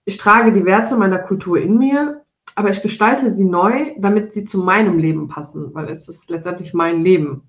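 A woman in her twenties from Germany co-hosting a podcast, speaking in a thoughtful, measured way. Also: mid-range voice. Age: 20s. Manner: thoughtful, measured, laughs easily. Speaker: podcast co-host. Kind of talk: casual podcast conversation. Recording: roomy echo.

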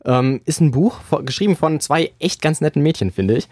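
A man's voice: a little high, expressive, brisk, darkish tone, no room sound, studio quality. A man hosting a radio interview, chatty and joking in casual talk. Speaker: radio host.

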